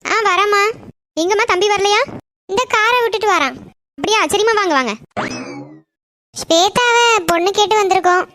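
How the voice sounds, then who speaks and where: A woman's voice: very high voice, normal speed, long pauses, fairly bright tone, slight background noise. A woman voicing the polite, cheerful mother of the groom in a cartoon. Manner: polite, courteous.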